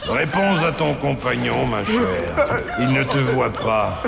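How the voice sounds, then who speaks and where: An actor playing a menacing, fanatical cult preacher in a video game, with a gravelly, commanding, sermonizing delivery. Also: male voice, medium pitch, big pitch swings, takes it slowly, a loud crowd, exaggerated voice. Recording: echoey hall, loud music over it.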